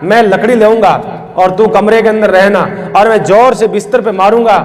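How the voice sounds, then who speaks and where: A man's voice: sits high, fairly even intonation, normal speed, darkish tone, pitched above the performer's own voice, natural voice. A man voicing a crafty husband who gives his wife urgent, bossy instructions. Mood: scheming. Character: crafty husband plotting against a guest. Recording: reverberant hall, faint music.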